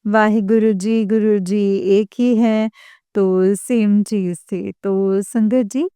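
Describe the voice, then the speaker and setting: Slow, smooth-voiced woman sharing a devotional testimony. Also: mid-range voice, fairly even intonation, warm tone, no room sound, clean studio sound. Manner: halting storytelling, often addressing listeners respectfully.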